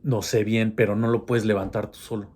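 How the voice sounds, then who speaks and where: A man's voice: fairly low pitch, flat delivery, brisk, darkish tone. A man telling a personal horror story in a casual, hesitant way, with many restarts.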